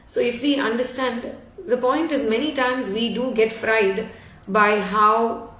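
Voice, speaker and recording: Woman chatting through a devotional story, lots of uh and you know, kinda far from the mic in an echoey room. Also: medium pitch. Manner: conversational, frequent fillers and restarts. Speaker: devotional speaker. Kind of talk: storytelling talk.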